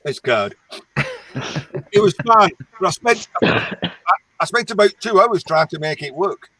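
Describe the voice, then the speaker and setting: A sixty-year-old man with a fairly high voice, cracking jokes with friends. He stumbles and repeats his words as he talks. The sound is dry and close, with no room echo. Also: animated, unhurried, bright, forceful tone. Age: 60s. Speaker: regular in a chat among friends. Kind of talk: casual banter.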